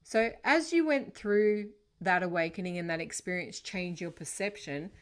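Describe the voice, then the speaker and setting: A woman hosting a spiritual podcast, telling stories in an animated, dramatic way. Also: lowish voice, moderate pace. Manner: animated storytelling, dramatic retelling. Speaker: podcast host. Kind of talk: casual interview chat.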